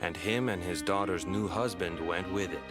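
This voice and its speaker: In game audio over background music, a man with a low-pitched voice lightly acts the part of a young Hawaiian man, grandson of a cursed fisherman. He retells the family legend earnestly at a moderate pace.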